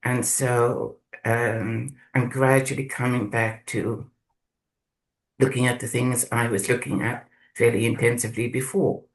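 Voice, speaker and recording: A man from South Africa sharing his experience in a group video call, speaking slowly and haltingly as he searches for words. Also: medium pitch, flat delivery, rough recording. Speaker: course participant.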